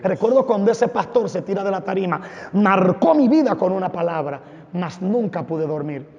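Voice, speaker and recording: A man's voice: high-pitched, lively intonation, normal speed, darkish tone. A man giving a fervent, dramatic testimony from a church stage. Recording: echoey hall, dull lo-fi sound.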